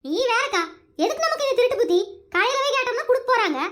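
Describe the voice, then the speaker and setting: Woman doing a loud blunt village woman. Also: very high voice, very animated, very fast, exaggerated voice. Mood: teasing. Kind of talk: cartoon voice acting.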